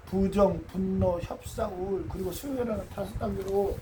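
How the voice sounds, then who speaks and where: A man's voice: high voice, moderate pace, dark tone, distant mic, slight background noise, low-quality recording. A man preaching a sermon in an earnest way, asking his congregation rhetorical questions.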